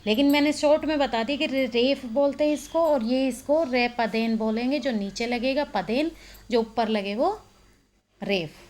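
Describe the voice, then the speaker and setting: A woman's voice: high-pitched, measured pace, a little mellow. A woman teacher giving a recorded grammar lesson, explaining step by step and answering her own questions as she goes. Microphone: phone voice recorder.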